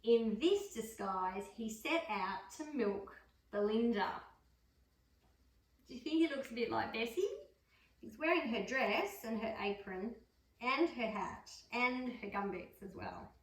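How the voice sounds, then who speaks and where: A woman reading a picture book aloud to a dog, adding gentle chatty asides between pages. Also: a little high, animated, a little slow. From Australia. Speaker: storybook reader. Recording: roomy room, mic far off.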